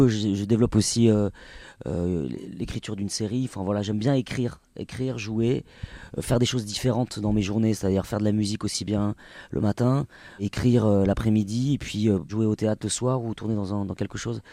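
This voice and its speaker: In a relaxed interview, a singer and actor in his forties, a native Basque speaker from the French Basque Country, talks casually with plenty of hesitations and restarts. He has a lowish, dark voice and speaks fairly quickly, captured in clean studio sound without echo.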